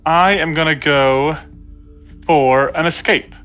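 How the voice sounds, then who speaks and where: A man's voice: a little high, steady tone, takes it slowly, fairly bright tone, muffled recording, faint music behind. A man playing in a tabletop game, explaining his moves and rules step by step. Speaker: player. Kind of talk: casual tabletop play.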